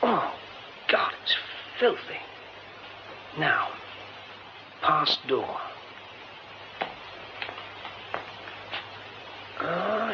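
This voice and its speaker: Playing the lead in a radio drama, an actor with a slightly high voice portrays a young man of the theatre wandering a derelict theatre. In a musing mood he mutters wry remarks to himself, later stammering frantically under strain, all on a dull old recording full of hiss.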